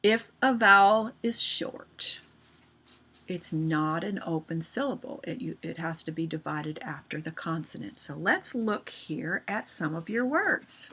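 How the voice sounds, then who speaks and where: A woman teaching a grammar lesson in a slow, unhurried way, her voice low-pitched with a gravelly edge. She keeps checking in with her students through short questions. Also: lively intonation, a bit bright. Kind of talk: recorded homeschool grammar lesson.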